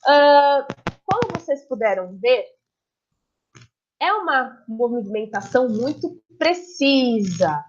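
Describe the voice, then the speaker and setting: Speech therapist lady, slow careful talk, a bit high, slightly dull recording. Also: very animated, a little hiss or hum. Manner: demonstrates sounds, checks understanding with listeners. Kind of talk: explanatory lesson.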